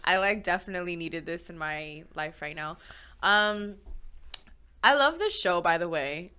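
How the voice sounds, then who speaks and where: A woman's voice: on the low side, expressive, a little slow, bright, forceful tone, clean tone. A young woman hosting a casual podcast, bubbly and laughing often between her sentences. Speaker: podcast host.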